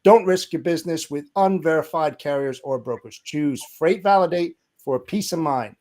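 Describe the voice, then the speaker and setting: A man's voice: a little high, normal speed, a little mellow. A man co-hosting a podcast and reading a scripted sponsor message. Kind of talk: scripted ad read.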